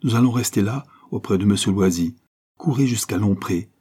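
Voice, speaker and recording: A man voicing a composed gentleman who gives firm, commanding orders in an audiobook. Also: on the low side, moderate pace, husky.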